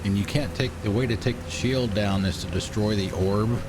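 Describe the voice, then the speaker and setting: A man giving casual gameplay commentary, thinking aloud in an unhurried way as a streamer. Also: fairly low pitch, over music. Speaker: game streamer. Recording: game noise behind the voice.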